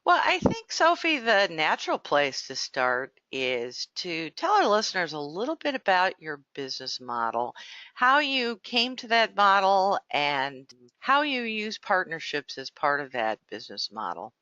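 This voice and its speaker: A woman's voice: fairly low pitch, huge pitch swings, measured pace, sharp tone, no room sound, highs cut off. A woman hosting an interview podcast, speaking articulately and addressing her guest and listeners in a formal way. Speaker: podcast host. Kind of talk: scripted podcast introduction and interview.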